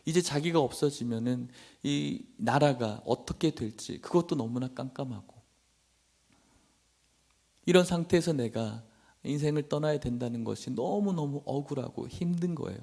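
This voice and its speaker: A man's voice: medium pitch, normal speed, gravelly, dark tone. A male pastor preaching a sermon, at times voicing emotional, pleading prayers aloud.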